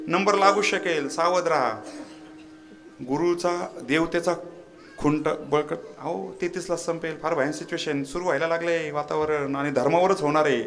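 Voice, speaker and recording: A man preaching a devotional kirtan to a live audience, quizzing them for quick answers and mixing scripture with humorous anecdotes. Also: fairly high pitch, a bit bright. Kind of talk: devotional kirtan sermon with audience call-and-response.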